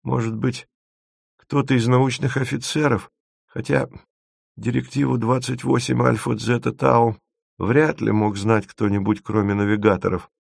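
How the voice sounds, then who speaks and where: A man reading an audiobook, voicing a dreamy, stubborn young woman who speaks softly and a little painfully. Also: mid-range voice, flat delivery, a little slow, vocal fry, husky, no echo, studio quality, pitched above the performer's own voice, exaggerated voice. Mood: protesting. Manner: soft, pained and wistful.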